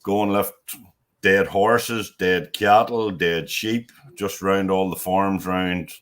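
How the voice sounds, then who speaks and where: Low-voiced Northern Irish man, show regular, joking around in easy chat. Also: steady tone, takes it slowly. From Northern Ireland. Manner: joking, chatty, laughs between lines. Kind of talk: casual chat.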